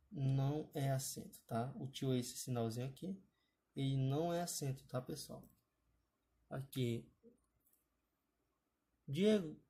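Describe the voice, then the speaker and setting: A man's voice: medium pitch, gravelly, a little mellow, breathy edge. A man teaching an exam-prep grammar lesson over slides, often checking in with his students. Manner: explanatory, adds frequent "tá, pessoal?" checks.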